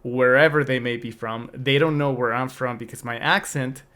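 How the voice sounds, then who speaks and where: In a casual podcast chat, a young adult man serving as co-host speaks at a moderate pace in a sharp, medium-pitched voice with fairly even intonation. He's laid-back and reflective and restarts many times.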